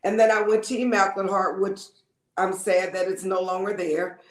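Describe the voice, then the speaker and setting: A woman's voice: mid-range voice, little pitch movement, normal speed. A woman talks freely as an interview guest. She circles back on her words, doubling them and dropping in ums. Her voice sits in an echoey room. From Lake Charles, Louisiana. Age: 50s. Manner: chatty, repeats words, frequent ums. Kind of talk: casual interview storytelling.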